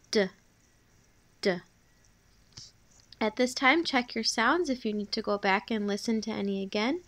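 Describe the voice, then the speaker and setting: A woman teacher giving a spelling review, reading out each sound, word and sentence slowly and clearly and then repeating it. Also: fairly high pitch, a bit bright. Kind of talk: spelling dictation lesson.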